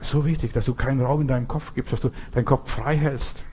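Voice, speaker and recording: A man's voice: mid-range voice, fairly even intonation, a little fast, mellow, husky. A man preaching a sermon in an earnest, repetitive way, speaking straight to his listeners.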